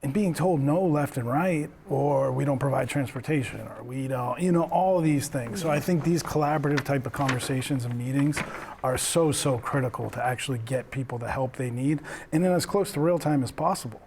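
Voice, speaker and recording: A man's voice: mid-range voice, fairly quick, gravelly, a little mellow, slight background noise. A man with a Boston accent, earnest and conversational, speaking on a community panel as a treatment center representative. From Lynn, Massachusetts. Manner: earnest, conversational, speaks from personal recovery experience. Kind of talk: panel discussion.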